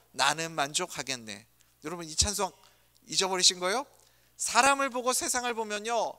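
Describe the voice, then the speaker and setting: A man's voice: high-pitched, sharp tone. A male pastor preaching a sermon in a church, asking the congregation many rhetorical questions. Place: church sanctuary. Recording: church hall reverb.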